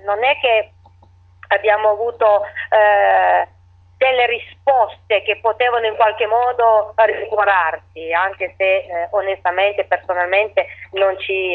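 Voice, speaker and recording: A woman, a town mayor, answering interview questions over the phone in halting speech that often restarts its phrases. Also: mid-range voice. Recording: tinny phone line.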